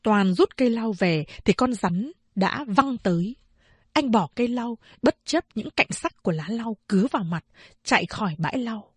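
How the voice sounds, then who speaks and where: A woman reading a novel aloud as an audiobook narrator, in measured, unhurried storytelling. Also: fairly high pitch, lively intonation, husky, no echo.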